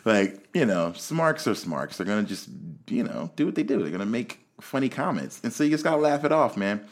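A man in his late thirties hosting a casual chat, animated and often laughing, his voice trailing off softly at times. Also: on the low side, brisk. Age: 30s. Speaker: podcast host.

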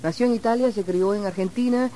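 A woman's voice: mid-range voice, a little fast, mellow, slight background noise. A woman hosting a broadcast interview, effusive and full of praise for her guest. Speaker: host.

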